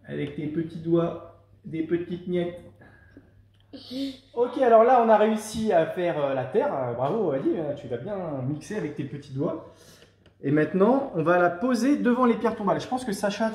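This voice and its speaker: A host leading a casual home cooking demonstration, gently encouraging children as they help, with a relaxed, hesitant delivery. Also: medium pitch, moderate pace. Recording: echoey room with faint noise.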